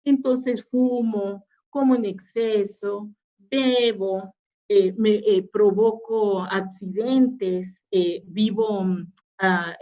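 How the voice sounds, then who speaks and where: A woman's voice: mid-range voice, steady tone, very slow, mellow. A woman psychologist giving a webinar lecture, explaining patiently with fillers and restarts. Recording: dull lo-fi webinar audio.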